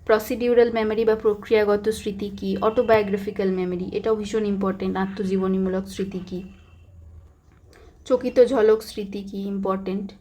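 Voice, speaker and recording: A woman's voice: medium pitch, flat delivery, brisk, mellow, a little hiss or hum. A young woman teaching psychology exam revision. She stresses key points, repeats them and mixes in English terms.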